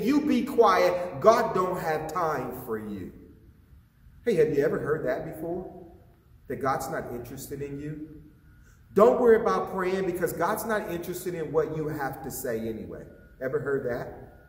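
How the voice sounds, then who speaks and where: A man, an associate pastor, preaching a sermon with passion and putting questions to his listeners, recorded in a church sanctuary. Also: high-pitched. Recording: echoey hall, voice from a distance.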